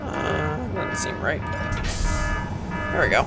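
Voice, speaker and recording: The channel host, her voice low, hoarse and raspy from a cold, rambles through a gameplay walkthrough in a slow, sing-song way over loud music. She's casual, with frequent ums and self-deprecating jokes.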